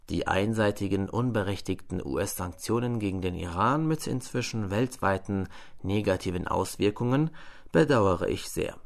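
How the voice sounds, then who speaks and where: A man reading listener letters and a story on air as a radio presenter, in a measured, formal way. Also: lowish voice, gravelly.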